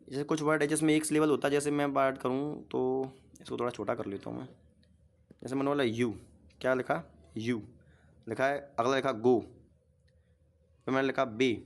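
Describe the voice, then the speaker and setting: Explaining grammar one piece at a time, this man stays patient throughout. His pitch is typical for a man, and he quizzes with short questions that he promptly answers and repeats.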